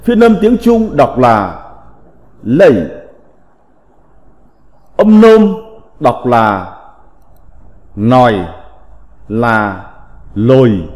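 A man teaching a slow recited vocabulary lesson, reading in a deliberate, measured way with drawn-out syllables. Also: medium pitch, animated, a little mellow. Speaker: teacher of classical characters. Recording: long reverb.

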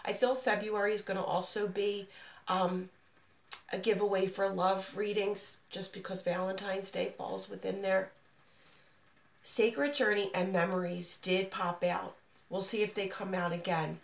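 Still getting over being sick, this channel host reads tarot casually and unscripted at a table in a small, dim room, reassuring the listener directly. Her mid-range voice is flat and unhurried, with some vocal fry. A far-off microphone catches plenty of room echo.

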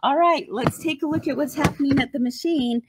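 A woman's voice: sits high, brisk, background noise. A woman chatting casually and enthusiastically like a home shopping host during a live craft demonstration, checking in with her viewers. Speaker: host of a live embroidery demonstration and sales show.

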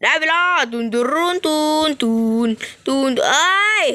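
Casual gamer girl chatting fast over gameplay, high voice that jumps all over. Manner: animated, squealing exclamations, playful. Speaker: gaming streamer. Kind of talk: casual game commentary.

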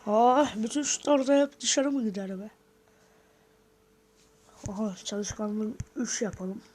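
A woman's voice: on the high side, steady tone, takes it slowly, darkish tone. A woman giving casual gameplay commentary, talking to viewers and muttering reactions as she plays. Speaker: gaming video host.

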